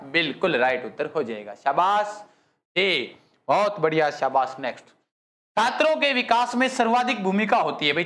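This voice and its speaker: A male teacher runs a live online quiz class, cheering students on by name and slipping into joking dialect. His voice sits high for a man. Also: a bit bright. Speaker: exam-prep teacher.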